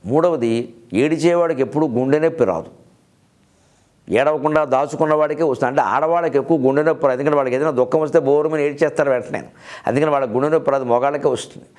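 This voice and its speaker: Lively middle-aged lecturing man. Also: on the high side. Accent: Telugu. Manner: storytelling, quotes verses slowly, lively asides. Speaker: literary speaker and host. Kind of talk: humorous lecture on literature.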